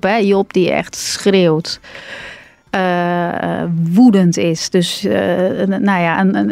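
A woman's voice: mid-range voice, darkish tone, no echo. A woman speaking as a guest on grief, thoughtful and hesitant, with many fillers. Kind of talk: reflective conversation.

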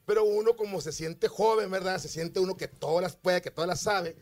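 Animated Mexican man telling a story. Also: sits high, a little fast. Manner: animated storyteller who acts out quoted voices. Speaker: band member, guest. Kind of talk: casual storytelling on a radio show.

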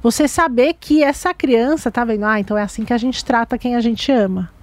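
Measured woman hosting a chat show. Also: fairly high pitch, dry recording. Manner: measured, thoughtful, steering the conversation. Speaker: host.

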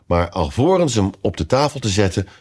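A man reading a children's storybook aloud with lively, expressive narration. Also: fairly low pitch, brisk. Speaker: audiobook reader.

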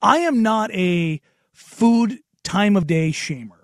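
A man with an American accent and a raspy, hoarse smoker's voice, chatting casually and bluntly as a sports radio host. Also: high voice, expressive, takes it slowly, dry recording, studio quality. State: hoarse from long covid. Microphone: close studio radio microphone.

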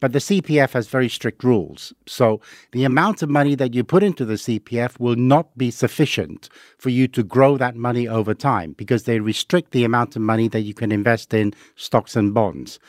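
A man's voice: mid-range voice, a little fast, no echo, clean studio sound. A middle-aged man from Hong Kong, a guest on a finance podcast, explaining rules of thumb patiently with worked examples. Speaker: investing guest. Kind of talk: podcast interview.

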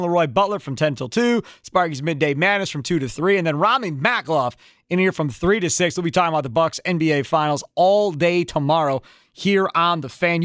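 High-pitched male sports radio host. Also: fairly bright tone, no room sound, studio quality. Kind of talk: live postgame call-in radio hosting.

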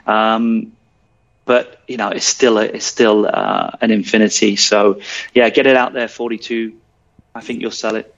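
A man's voice: on the low side, flat delivery, a little slow, creaky, muffled recording. Chatty male radio car expert. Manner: chatty, hesitant restarts, jokey. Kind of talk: casual radio advice.

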